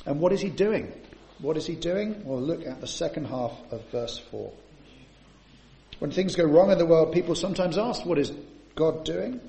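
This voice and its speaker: A man's voice: a little high, expressive, moderate pace, gravelly, warm tone, reverberant. A man preaching a sermon to his congregation, often adding rhetorical tag questions.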